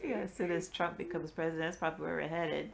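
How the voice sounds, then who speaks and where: A woman's voice: low-pitched, fast, gravelly, a little hiss or hum. A woman vlogger chatting and joking during a word game at home, teasing and exasperated. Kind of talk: casual chat while playing a word game.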